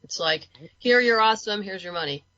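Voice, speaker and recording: Talkative and a bit self-deprecating, this woman chats easily as an interview guest on a podcast, where she's introduced as a writer and producer. She speaks fairly quickly with a medium pitch and a sharp tone, captured on a dull, lo-fi voice track.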